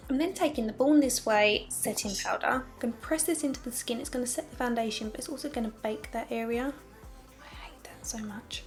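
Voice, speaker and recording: A young woman walks through her makeup routine in a chatty, candid tone, dropping wry, sarcastic asides along the way. Her voice sits a touch high, and soft music plays faintly in the background. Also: fast, few pauses. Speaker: makeup tutorial host. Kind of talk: casual makeup tutorial narration.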